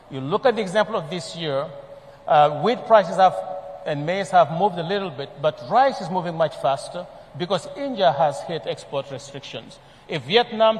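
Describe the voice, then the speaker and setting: A man from Senegal presenting a report at a conference, speaking in a measured way with frequent fillers and restarts. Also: high voice. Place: large conference hall. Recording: long hall reverb.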